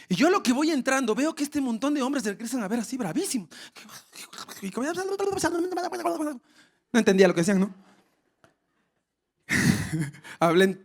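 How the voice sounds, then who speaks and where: A male pastor preaching a sermon, telling a funny story with lively acted shouts. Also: extremely high pitch. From Ecuador. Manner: storytelling with humor and animated shouts.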